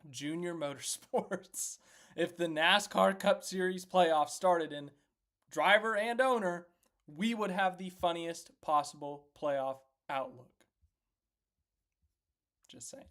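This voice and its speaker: A man hosting a casual racing recap live stream, chatty and self-deprecating, reacting out loud as he works through standings on screen. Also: high-pitched, takes it slowly. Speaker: host of a racing recap livestream.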